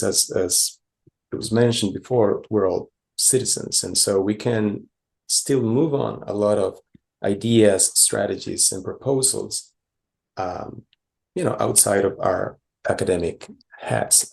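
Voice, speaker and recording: Gravelly low-voiced man from Costa Rica. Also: steady tone, unhurried, darkish tone. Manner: hesitant, many fillers and restarts. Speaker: conference presenter. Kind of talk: conference talk with slides.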